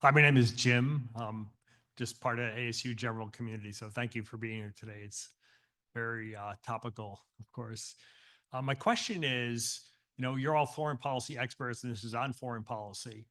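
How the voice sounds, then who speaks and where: A man steps up to the audience microphone and puts a question to a panel. He speaks in a casual, conversational way but makes pointed remarks, in a voice of average pitch. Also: a little fast, sharp tone. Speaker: audience member asking a question.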